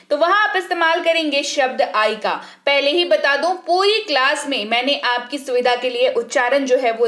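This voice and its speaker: Female teacher, high voice, slow careful delivery, echoey room, spells each word out. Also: a bit bright. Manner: slow, clear classroom explanation with spelled-out words. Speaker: English teacher. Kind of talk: spoken English lesson.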